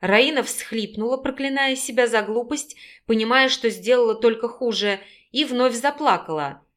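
A woman reading a novel aloud as an audiobook narrator, steady and expressive. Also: on the high side, normal speed. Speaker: audiobook reader.

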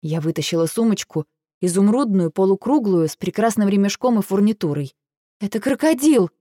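A woman reading a first-person audiobook, lively and exasperated in her delivery. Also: mid-range voice, brisk, no echo, studio quality. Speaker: audiobook narrator.

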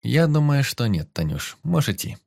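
A man voicing a calm, cheerful male doctor in a storybook reading, his voice raised and brighter than his narration. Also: medium pitch, normal speed, vocal fry, no echo, clean studio sound, pitched above the performer's own voice.

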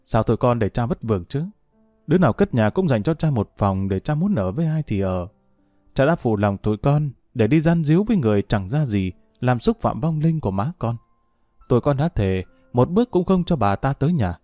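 A man voicing a grown son, calm but reproachful. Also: mid-range voice, a little fast, no room sound, faint music behind, natural voice.

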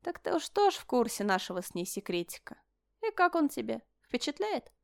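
A woman's voice: fairly high pitch, sing-song, fairly quick, creaky, dry recording, clean studio sound, voice pushed up. Sneering storybook nobleman, taunting and sing-song, voiced by a woman narrator. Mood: mocking. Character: sneering mocking male noble brother, smug.

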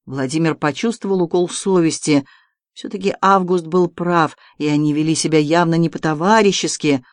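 A narrator reading an adventure novel aloud in an even storytelling manner. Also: medium pitch, normal speed, no room sound, clean studio sound. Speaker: audiobook narrator. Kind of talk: scripted narration.

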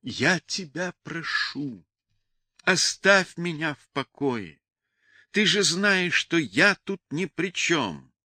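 A man voicing a stubborn young soldier who speaks stiffly and quietly, in an audiobook reading. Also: high voice, very animated, slow pace, no echo, studio quality, voice pushed up, heavily acted. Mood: pleading. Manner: stiff, pleading.

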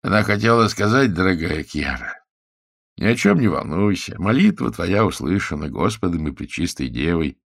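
Man doing a calm, peaceable fellow. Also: low voice, normal speed, creaky, no echo, studio quality, exaggerated voice. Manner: calm, conciliatory. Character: mild, peaceable man, soft-spoken.

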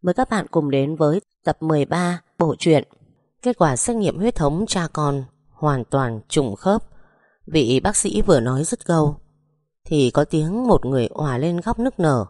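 A woman's voice: low-pitched, expressive, a little slow, darkish tone, dry recording, studio quality. A woman narrating a romance story in the first person, reading the dialogue with emotion.

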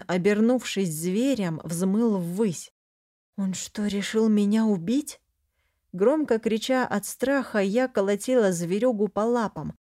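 Female audiobook narrator, mellow voice, expressive first-person delivery. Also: medium pitch.

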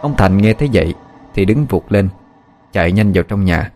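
A male audiobook narrator tells a story in a steady, measured way. His voice is on the low side, with soft music playing quietly in the background.

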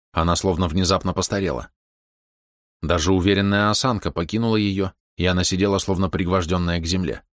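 A man narrating an audiobook in a steady, even storytelling manner. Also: low-pitched, no room sound, studio quality. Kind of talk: scripted narration.

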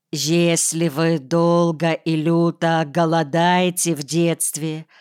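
A woman reading a novel aloud as an audiobook narrator, in a measured storytelling manner. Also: lowish voice, clear, resonant tone, dry recording, clean studio sound. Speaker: audiobook reader.

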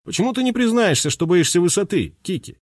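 A man reading aloud plays a mocking teenage boy who grins through his gossip, pitched well above the reader's own voice. The tone swings a lot, dry and close. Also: big pitch swings, quick pace, no echo. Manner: mocking, grinning. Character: teasing teenage boy Alex.

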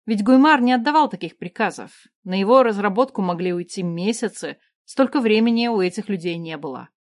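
Woman narrator for a first-person fantasy audiobook; measured and even, dry close-mic sound. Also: medium pitch, no room sound.

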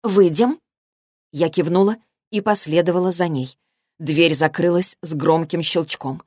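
A woman with a lowish voice narrates a novel at a measured, steady pace. Her telling is even and composed. The recording is close and completely dry. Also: no room sound. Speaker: audiobook narrator. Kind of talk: scripted narration.

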